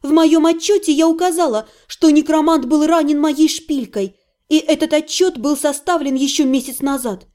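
Brief: woman audiobook narrator, high voice, mellow dark timbre, expressive first-person reading. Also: normal speed.

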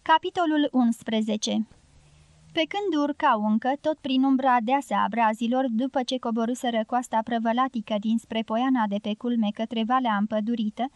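A woman narrating an audiobook novel with steady, even scripted reading on a close studio mic. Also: fairly high pitch, no room sound.

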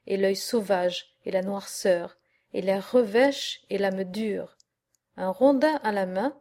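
A woman reading an epic verse tale aloud as an audiobook narrator, in a measured, lyrical manner. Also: medium pitch, a little mellow. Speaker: audiobook reader. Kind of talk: scripted narration of an epic poem.

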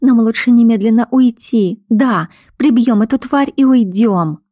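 A woman voicing a vicious, spiteful young henchwoman who sneers and snaps in a shrill, furious voice. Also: unhurried, warm tone, no room sound, studio quality. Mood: urgent. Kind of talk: audiobook character voice.

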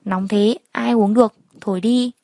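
A woman's voice: medium pitch, fairly even intonation, moderate pace, mellow, no room sound, close to an everyday voice. Snarling jealous husband, nasty and contemptuous, as a lady reading a story puts him on, dry close voice. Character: brutal, jealous young husband, a man.

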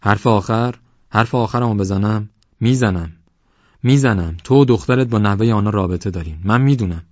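A man's voice: lowish voice, darkish tone, no room sound, lightly acted. A man voicing a tired, harsh and sarcastic village husband who hurls bitter accusations. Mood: angry, accusing. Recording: dull lo-fi audio.

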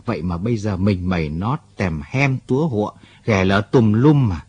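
A man's voice: lowish voice, moderate pace, darkish tone, slightly rough, dull audio. A man voicing a distressed middle-aged man. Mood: upset. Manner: upset, pours out his story.

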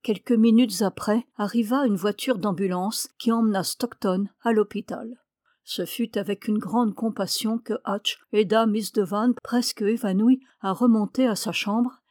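A woman narrating a detective story in clear, even storytelling. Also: mid-range voice, unhurried, no room sound, clean studio sound. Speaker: audiobook reader.

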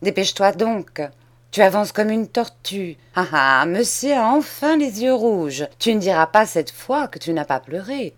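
A woman reading aloud and voicing a greedy, harsh old woman who scolds a boy in sharp, shrill outbursts. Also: expressive, measured pace, close to an everyday voice. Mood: scolding angry. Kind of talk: audiobook character reading.

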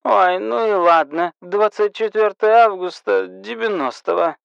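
A man voicing a drunk, hiccuping woman who calls the police, shrill, bossy and slurring. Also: a little slow, creaky, clean tone, no echo, lo-fi sound, heavily acted. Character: drunk, hiccuping, rude middle-aged woman caller.

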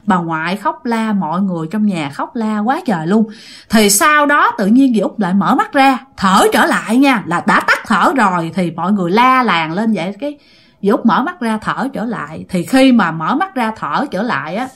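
A woman's voice: mid-range voice, lively intonation, moderate pace, fairly bright tone. A woman telling a ghost story in a chatty, repetitive way, speaking directly to her listeners.

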